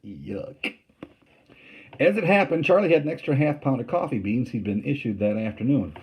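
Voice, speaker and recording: A man's voice: mid-range voice, expressive, normal speed, darkish tone, slightly rough. A man reading a novel aloud to a class and explaining passages in a plain, casual tone. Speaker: teacher.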